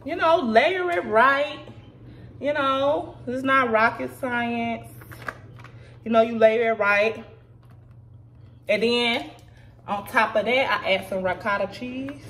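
A slightly tipsy woman in her thirties, a home-cooking vlogger, chats with viewers she calls "y'all" while walking through a recipe in her kitchen. Her voice is fairly high and a bit bright, slow, with frequent pauses. The camera sits back on the counter, so the mic is distant and picks up room noise.

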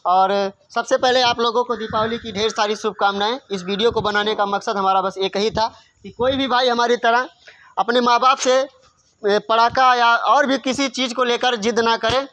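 A man's voice: very high-pitched, sharp tone. A man giving a courteous, earnest outro to his comedy video audience. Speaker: sketch creator.

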